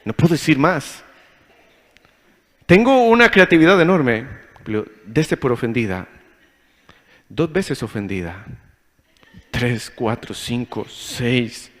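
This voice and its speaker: A male pastor preaching a humorous marriage sermon, telling stories and acting out both sides of arguments with animated energy. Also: mid-range voice, slow pace, pauses often, big-room sound.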